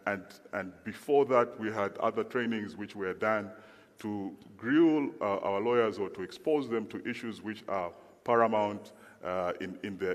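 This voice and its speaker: A middle-aged man from Zambia giving a measured conference speech, often restarting and repeating words. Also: on the low side. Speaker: conference speaker, former lawyers' association president. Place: large conference hall. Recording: long hall reverb.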